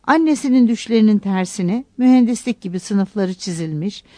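A woman reads a literary novel aloud in a calm, even storytelling voice. Her tone is mellow and warm, and the recording is close and dry with no room sound. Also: medium pitch, normal speed, dry recording. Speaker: audiobook narrator. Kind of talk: literary audiobook narration.

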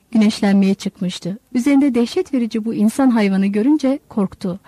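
A woman narrating a literary novel in a measured, storytelling manner. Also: on the high side, mellow, dry recording. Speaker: audiobook narrator.

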